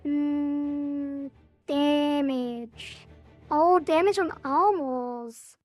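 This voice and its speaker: High-voiced woman streaming a game. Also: fairly even intonation, very slow, a little mellow, faint music behind. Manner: thinking aloud. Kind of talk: casual gameplay commentary, reading game text aloud.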